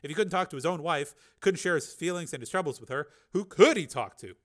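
A man narrating a novel as an audiobook, steady storytelling with occasional small slips. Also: a little high, fast talker.

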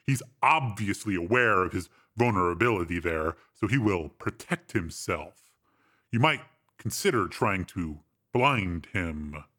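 A man reading a story aloud, voicing a formal, composed male bodyguard in a deep, measured voice. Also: lively intonation, pushed and bright, exaggerated voice.

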